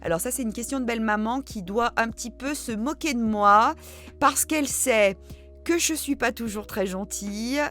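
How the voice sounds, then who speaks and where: Soft music plays under a middle-aged woman's somewhat high, slightly bright voice as she moves at a moderate pace. Hosting her reading channel, she chats through viewer questions, teasing herself and hesitating with many fillers.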